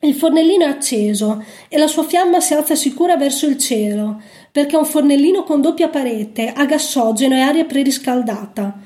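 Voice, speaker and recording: A woman with a high voice reads a story aloud, gentle and unhurried. Her tone is mellow and soft rather than bright. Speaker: narrator. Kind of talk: storybook reading.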